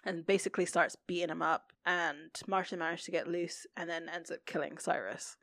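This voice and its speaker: Casting note: chatty woman podcast co-host, casual recap, lowish voice, dry close sound. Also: fairly even intonation, a little fast, fairly bright tone, no echo. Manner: chatty, laughs often, many fillers. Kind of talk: casual chat recapping a TV episode.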